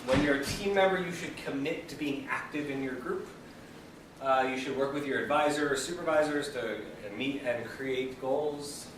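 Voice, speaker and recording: A man leading a peer education training session in a training room, speaking energetically and asking the group questions. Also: medium pitch. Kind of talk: classroom training lecture. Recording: echoey room, mic far off, background noise.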